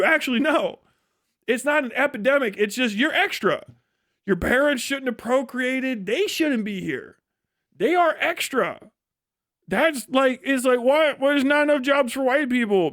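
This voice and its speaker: A livestream host with a very high voice rants offhandedly, mixing profanity and sarcasm as he animatedly plays out conversations he imagines.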